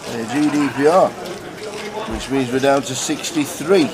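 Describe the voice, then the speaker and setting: A man's voice: medium pitch, takes it slowly, rough recording. Man calling numbers like a bingo caller. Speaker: poker commentator. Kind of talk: live commentary with banter. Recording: crowd noise, busy public tournament room. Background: crowd murmur.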